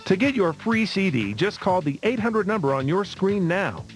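A man's voice: high voice, sing-song, moderate pace. A man reading a scripted hard-sell ad as an announcer, urgent and emphatic. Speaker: infomercial announcer. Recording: music behind the voice. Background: background music.

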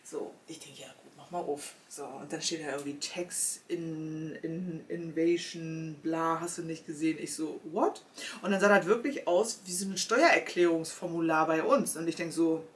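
A woman's voice: sits low, normal speed, hardly any pauses, a little hiss or hum. Woman host, chatty storyteller who acts out dialogue, mic a bit far off. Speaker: knitting podcast host. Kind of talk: casual podcast monologue.

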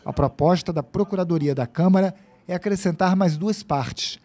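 A male news reporter with a Brazilian Portuguese accent narrates a scripted report in a measured, formal way. His voice sits a little high and sounds mellow.

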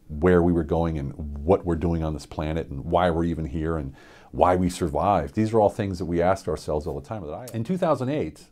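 A middle-aged military veteran from central Pennsylvania, USA, gives an unscripted personal testimony in an indoor studio with a dark backdrop. His very deep, mellow voice is earnest and reflective, with many halting fillers and restarts.

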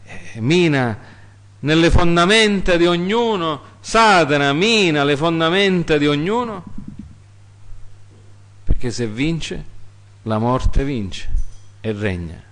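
A man preaching a sermon, repeating phrases for emphasis and swinging between loud, high exhortation and quiet, low asides. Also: big pitch swings, slow.

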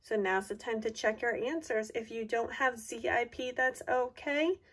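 A woman teacher giving a slow school dictation, speaking deliberately in simple instructions for young children and repeating words. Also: a little high, fairly even intonation. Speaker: teacher giving a spelling test.

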